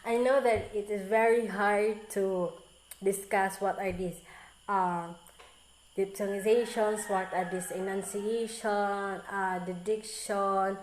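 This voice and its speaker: A woman reads her class presentation at an unhurried, deliberate pace, her voice ringing in a roomy, echoey space. She works through the material haltingly, stopping to restart on tricky words. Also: medium pitch, steady tone, slight background noise. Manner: halting, careful reading with frequent restarts on hard words. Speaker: student presenter. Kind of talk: reading a recorded class presentation.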